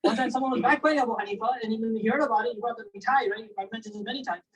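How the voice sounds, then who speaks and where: A man giving a casual, animated religious storytelling lecture, often checking in with his listeners. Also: extremely high pitch, rapid-fire, slightly rough. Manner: animated, conversational, asks listeners "right?" and "you know?". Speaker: Islamic lecturer. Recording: distant mic, poor sound quality.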